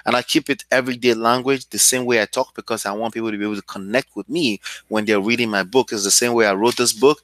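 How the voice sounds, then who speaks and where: A Nigerian man with a Nigerian English accent hosts a casual real estate video, talking to camera while sharing his screen and often checking in with "okay?". His voice is lowish and a bit bright, and the recording is dry.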